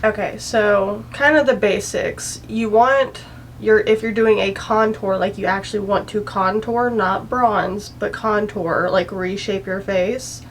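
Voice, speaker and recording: A woman's voice: mid-range voice, steady tone, a little slow, slight background noise, rough recording. A young woman chatting casually through a makeup tutorial, rambling and self-deprecating, a bit anxious and out of breath. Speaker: beauty vlogger.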